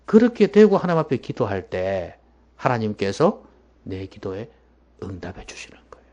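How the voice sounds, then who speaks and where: A man preaching a sermon as pastor in a church, emphatic and at times dropping to a hushed voice. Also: on the low side, sing-song, moderate pace.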